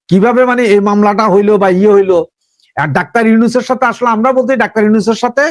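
A high-pitched man with a Bangladeshi Bengali accent runs through political commentary in a loose, conversational way. He speaks straight to his audience and leans on rhetorical questions. The sound is dry and close. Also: no echo. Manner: conversational, addresses listener directly with rhetorical questions.

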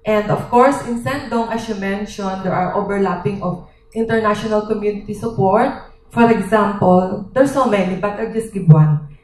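A woman with a Filipino accent speaking at a workshop discussion into a handheld microphone, listing points with frequent pauses. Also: medium pitch, a little mellow, slight background noise. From Philippines. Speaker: workshop participant. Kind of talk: question and answer discussion. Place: hotel conference room. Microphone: handheld microphone through room speakers. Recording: echoey hall from far off.

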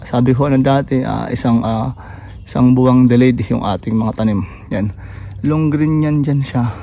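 A man giving a casual walk-through tour of his backyard vegetable garden, relaxed and pointing things out with many fillers, a little out of breath. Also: mid-range voice, normal speed, gravelly, a little hiss or hum. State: slightly out of breath after jogging. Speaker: gardening vlogger.

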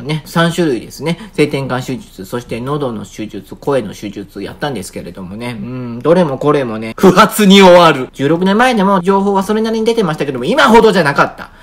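A woman vlogger chatting casually to camera, playful and laughing often as she talks. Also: deep voice.

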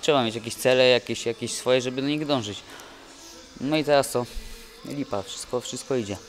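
A young man, a boxer, speaking in a halting, dejected way with many restarts in a post-fight interview at an indoor event press wall. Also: mid-range voice, faint music behind. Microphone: handheld mic held by interviewer.

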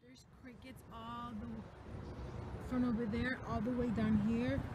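A woman's voice: a little high, level tone, measured pace, dull audio. Young woman, casual vlog chat, playful, noisy phone audio. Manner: playful, mixes English and Spanish. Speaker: vlogger.

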